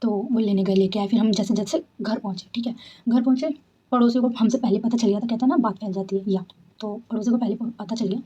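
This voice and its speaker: A young woman vlogger from Delhi, telling a personal story to camera in a chatty, animated way at home at night. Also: medium pitch, quick pace, husky. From Delhi, India. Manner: chatty, animated, often says "theek hai". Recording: dull lo-fi home recording.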